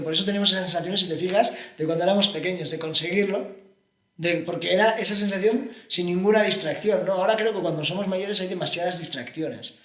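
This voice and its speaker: A fast-talking man with a high voice chats on a casual podcast. He sounds agreeable and reflective, and his voice rings in an echoey room. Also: pushed and bright. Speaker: podcast co-host. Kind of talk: casual conversation.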